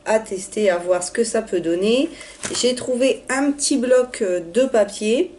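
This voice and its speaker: Hoarse young woman vlogging. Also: a little high, a little slow, darkish tone, a little hiss or hum. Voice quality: raspy. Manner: chatty, many hesitations. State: hoarse from illness. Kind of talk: casual haul video.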